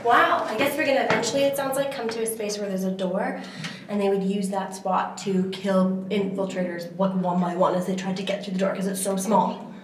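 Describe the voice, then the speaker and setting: A woman's voice: medium pitch, fairly even intonation, brisk, distant mic, slight background noise. Chatty woman with a cave echo. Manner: chatty, explains what she read as she walks. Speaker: travel vlogger. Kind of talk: casual travel vlog chat. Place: narrow cave tunnels underground. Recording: echoey cave with people around.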